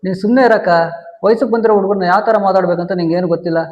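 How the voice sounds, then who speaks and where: A man with a high voice, talking quickly in a persuasive, reassuring way. He sounds like he is in an echoey room. A little music plays behind him. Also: dull audio. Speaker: visiting uncle from the city. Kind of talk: village comedy short-film acting.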